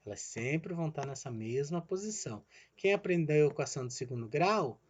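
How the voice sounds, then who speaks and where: A man's voice: fairly high pitch, animated, a little fast, a little mellow, dull audio. A male physics teacher gives a recorded online lesson. He explains each step and checks in with "né?" and "certo?", and he calls himself the teacher in the third person.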